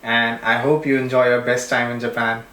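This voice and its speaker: A man's voice: medium pitch, little pitch movement, normal speed, sharp tone. A man from India with an Indian accent, hosting a podcast interview in a friendly way and repeating his thanks. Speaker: podcast host. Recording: echoey room.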